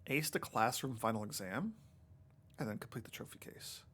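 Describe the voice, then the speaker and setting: Speaking at a moderate pace with an expressive, somewhat bright medium-pitched voice, this man hosts a let's play from indoors at home. He sounds stuffed up and sniffly as he reads game text aloud and muses casually about his play.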